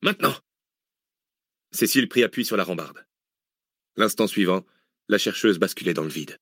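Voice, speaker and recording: A man narrating an audiobook in a steady storytelling voice. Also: sits low, normal speed, no echo, clean studio sound. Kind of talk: scripted narration.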